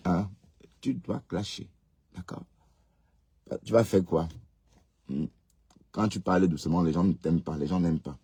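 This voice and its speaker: Man hosting a livestream, deep husky voice, lectures viewers, "hein?" tags. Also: moderate pace, pauses often, mellow, dry recording. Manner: scolding, rhetorical questions with tag "hein". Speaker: live stream host. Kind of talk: casual live commentary reading comments.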